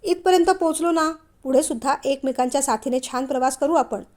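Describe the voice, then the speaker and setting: Woman doing a middle-aged father, stern, caring, storybook reading, high-pitched, mellow. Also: brisk, lightly acted. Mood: gentle. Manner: calm, then scolding.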